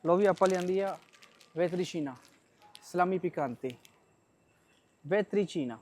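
A man's voice: high-pitched, moderate pace, darkish tone. A man with a Punjabi accent, chatting casually to his viewers as a vlogger. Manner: chatty, addresses viewers as friends. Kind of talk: casual vlog narration to viewers.

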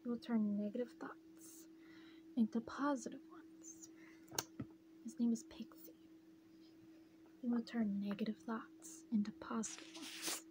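Young woman whispering a slow pep talk. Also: fairly high pitch, steady tone. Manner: soft whispering, slow, soothing and repetitive. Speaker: ASMR creator. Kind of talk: whispered ASMR pep talk with repeated affirmations. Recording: clearly noisy, humming close-up recording.

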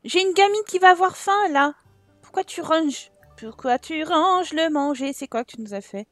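A woman's voice: sits high, lively intonation, normal speed, a bit bright, no echo, faint music behind. A young French woman commenting casually and playfully on her life-sim game, chatting to her characters as she plays. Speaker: Sims gameplay YouTuber. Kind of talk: casual let's-play commentary.

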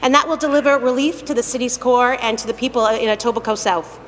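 A woman's voice: fairly high pitch, quick pace, a bit bright. A middle-aged woman delivering a question speech as a member of parliament. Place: large legislative chamber. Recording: echoey legislative chamber.

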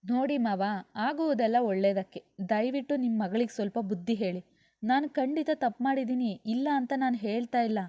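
A woman's voice: fairly high pitch, normal speed, dark tone, no room sound, dull audio, natural voice. A woman voicing a remorseful husband who pleads earnestly and firmly. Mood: pleading.

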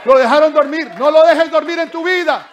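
High-voiced man preaching a sermon. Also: brisk, some chatter behind. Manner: swings from loud exclamations to soft asides; keeps addressing listeners as brother. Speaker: pastor. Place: church.

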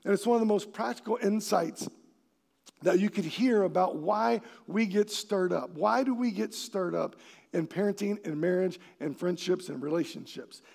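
A man pastor preaching a sermon in a church, animated and acting out quoted voices, sometimes shouting for emphasis. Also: high voice, moderate pace, gravelly. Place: church sanctuary.

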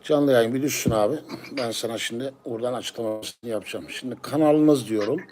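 A man's voice: mid-range voice, fairly quick, a little mellow, slight background noise. A man in casual conversation, explaining things step by step and often repeating himself. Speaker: pigeon live-stream channel owner. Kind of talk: casual chat.

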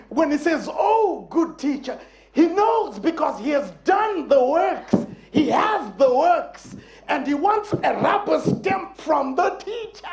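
A male guest preacher delivering a sermon in a church, playful and animated, acting out quotes with bursts of emphasis. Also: very high-pitched. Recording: echoey church sanctuary.

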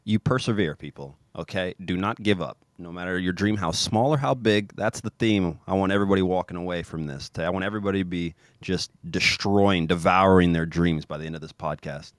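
Brisk and with few pauses, a low-voiced American man in his thirties from Kansas City talks as a guest on a casual podcast interview; he's a pro soccer player. He's on a video call using a studio mic on a boom arm in a home room with football shirts on the wall, and the recording is dry. Lively and energetic, he leans heavily on fillers and restarts.

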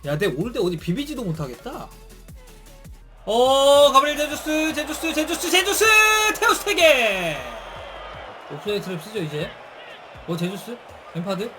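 A man giving excited live commentary on a football video game, with shouted bursts at big plays and casual slang. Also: very high voice, moderate pace, pauses often. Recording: stream with game music and crowd noise.

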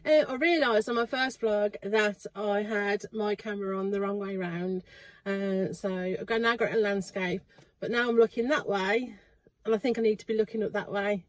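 A woman's voice: medium pitch, moderate pace, low-quality recording. A middle-aged woman chatting casually to camera as an online reseller, rambling along with many fillers. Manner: talks quietly inside the unit. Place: storage unit.

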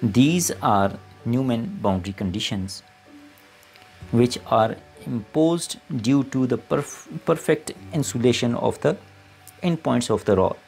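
Male lecturer, gravelly voice, scripted lesson read in short dictated phrases, music behind. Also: mid-range voice, darkish tone, rough recording. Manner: deliberate, reading aloud in short phrases as if dictating. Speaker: maths lecturer.

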